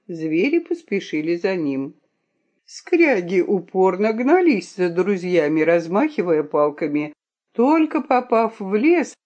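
Slow, expressive woman storyteller. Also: fairly low pitch. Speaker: narrator. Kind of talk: scripted storybook narration. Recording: dull lo-fi audiobook recording.

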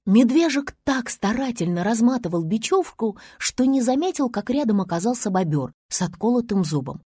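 Woman storyteller, breathy and lively; expressive children's story narration, dry booth sound. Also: normal speed, no echo. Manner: animated storyteller with big pitch swings.

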